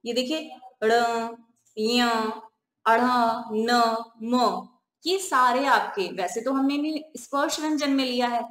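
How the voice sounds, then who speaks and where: A woman teacher giving a grammar lesson, asking questions and answering them herself, and slowly repeating the key terms. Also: sits high, fairly bright tone, roomy sound.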